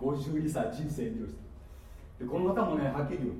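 A man preaching a sermon, playful and animated, with asides and laughter, recorded from a distance in a church hall. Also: mid-range voice, fast talker. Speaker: pastor. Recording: echoey hall from far off with faint noise.

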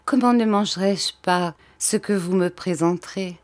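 A woman voicing a dying noblewoman in an audiobook, feverish and childlike, pleading in a breathless, high voice. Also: normal speed, a little mellow, dry recording, close to an everyday voice. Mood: tender pleading. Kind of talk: audiobook character voice.

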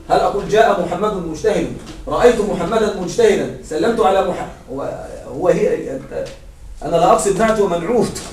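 A man teaching a grammar lesson in a classroom, explaining step by step and often checking that his students follow. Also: high voice. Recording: echoey room, mic far off.

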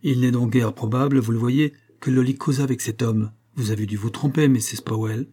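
A man reading an audiobook, voicing a hearty, impulsive young country gentleman devoted to his wife. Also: medium pitch, steady tone, fairly quick, slightly rough, lightly acted. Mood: agitated.

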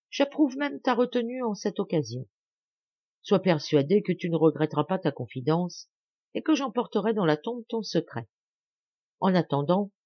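A woman's voice: on the low side, no room sound, dull audio. A woman voicing a kindly, pompous village mayor who talks with solemn gravity. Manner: solemn, benevolent.

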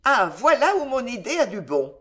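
Woman reading a scheming queen mother, icy, measured, persuasive, lively pitch, audiobook. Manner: measured, persuasive, coolly triumphant.

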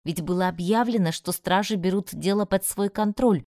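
A woman narrating a first-person fantasy audiobook in an expressive, emotional manner. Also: medium pitch, moderate pace, dry recording, studio quality.

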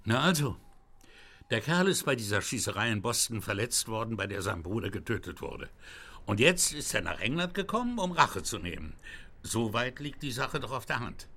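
Lestrade, a gravelly police inspector. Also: male voice, mid-range voice, big pitch swings, normal speed, pushed and bright, heavily acted. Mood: brisk, confident. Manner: blunt, gruff, matter-of-fact. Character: gruff, confident male police inspector, blunt and brisk. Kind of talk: radio drama dialogue.

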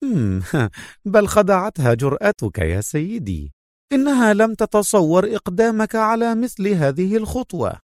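A man's voice: sits high, animated, brisk, no echo, studio quality, voice pushed up. A man voicing a devoted young female agent in an audio story, speaking in a raised, pressed voice. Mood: worried.

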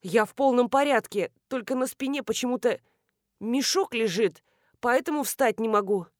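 A woman's voice: a little high, moderate pace, no echo, studio quality, close to an everyday voice. A woman reading the lines of a flustered, earnest male professor in an audiobook, in a rambling explanatory tone.

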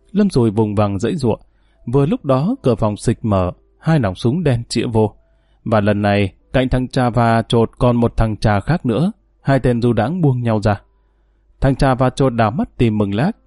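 Man narrating a story, dark voice. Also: mid-range voice, animated, normal speed, dry recording, clean studio sound. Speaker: audiobook narrator.

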